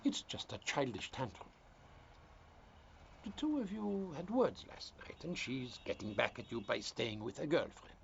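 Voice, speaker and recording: An actor playing a calculating politician who talks in a smooth, dismissive, controlling way. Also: male voice, medium pitch, sing-song, unhurried. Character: calculating middle-aged male politician, cold and controlling. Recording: dull lo-fi dubbed film audio with faint hiss.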